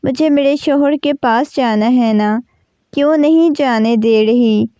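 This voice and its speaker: A woman's voice: fairly high pitch, mellow, clear, resonant tone, no room sound, dull audio, natural voice. A woman voicing a young new mother who keeps pleading tearfully in a storybook reading. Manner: pleading, insistent.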